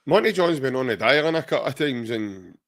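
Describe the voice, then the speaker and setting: A man's voice: medium pitch, lively intonation, a little fast, fairly bright tone. A Scottish man in his forties co-hosting a podcast, chatting casually, joking and reading out viewer comments. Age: 40s. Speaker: podcast co-host. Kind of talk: casual chat.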